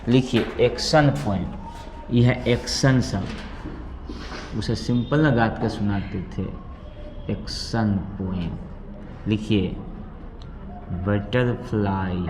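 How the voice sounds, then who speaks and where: A male teacher slowly dictating lines and a rhyme to his class, repeating each phrase. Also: lowish voice, background noise.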